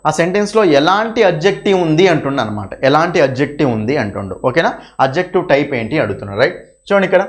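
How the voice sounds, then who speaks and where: A man leads an exam revision lesson in a high voice. He repeats every point and keeps asking the class whether they follow. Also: sing-song, very fast. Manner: repeats points, quizzes the class with frequent checks. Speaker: teacher.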